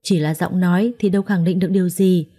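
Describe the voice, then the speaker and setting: A woman voicing a practical sister-in-law in a told story, talking in a brisk, matter-of-fact way. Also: fairly low pitch, steady tone, mellow, close to an everyday voice. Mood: reasoning.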